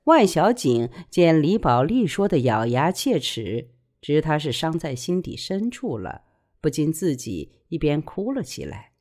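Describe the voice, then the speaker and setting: A woman's voice: sits low, a little slow. A woman reading a novel aloud, voicing every character herself. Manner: expressive reader voicing all roles. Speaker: storyteller.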